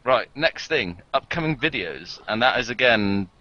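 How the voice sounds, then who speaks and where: A man's voice: mid-range voice, expressive, moderate pace, sharp tone, no echo. A man with an English accent hosting a casual group video call, rambling with many fillers and frequent laughs. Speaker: channel host. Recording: dull lo-fi call audio.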